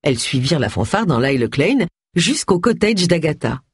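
Expressive husky audiobook narrator. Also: medium pitch, moderate pace, no echo, clean studio sound. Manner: expressive reading with varied voices. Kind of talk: scripted narration.

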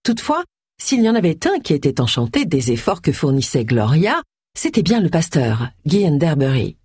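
A woman narrating an audiobook in a wry, lively storytelling manner. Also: deep voice, moderate pace, breathy edge, no room sound, clean studio sound. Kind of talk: scripted narration.

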